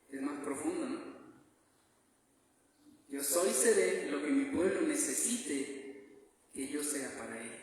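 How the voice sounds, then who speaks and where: A man preaching a Bible teaching sermon to a congregation, deliberate, repeating references and asking listeners rhetorical questions. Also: on the high side, slight background noise. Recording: very echoey hall, mic far off.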